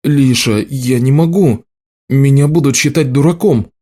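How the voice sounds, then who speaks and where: A man reading aloud and voicing a burly young woodcutter who growls and shouts defensively. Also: medium pitch, unhurried, lightly acted. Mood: sullen.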